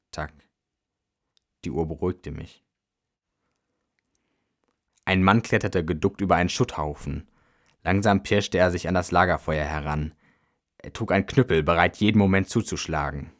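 A man narrating a dark first-person story in a slow, brooding way. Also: deep voice.

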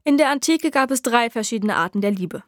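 Woman reading a story as the main girl, steady storyteller voice, dry booth sound. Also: fairly high pitch, fairly quick, dry recording. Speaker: audiobook narrator. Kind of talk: scripted first-person novel narration.

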